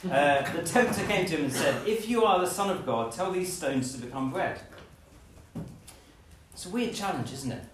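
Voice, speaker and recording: A man preaching a lively sermon, acting out scenes with playful voices. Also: fairly high pitch, normal speed, noisy background. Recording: echoey room, from a distance.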